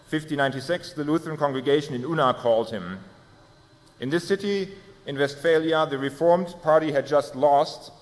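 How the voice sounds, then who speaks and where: A man presenting a theology paper, reading it aloud in a formal, measured way with small self-corrections. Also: medium pitch. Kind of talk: reading a prepared academic paper. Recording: long hall reverb.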